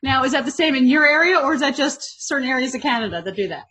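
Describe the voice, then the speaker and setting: A woman's voice: sits high, animated, quick pace, a bit bright. An American woman from Pennsylvania hosting a casual chat, curious and full of questions. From Pennsylvania, USA. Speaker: host.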